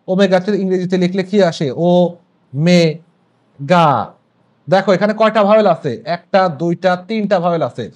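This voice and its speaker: A man's voice: high voice, a little mellow. A young man teaches a class on poetic meter. He breaks each idea into small steps and repeats key points for his students. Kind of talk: classroom lecture on poetry meter.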